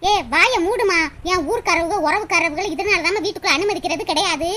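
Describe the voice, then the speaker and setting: A woman voicing a proud, sharp-tongued village mother in a cartoon. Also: extremely high pitch, a little hiss or hum. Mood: angry. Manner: scolding, haughty and rapid. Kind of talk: cartoon voice acting.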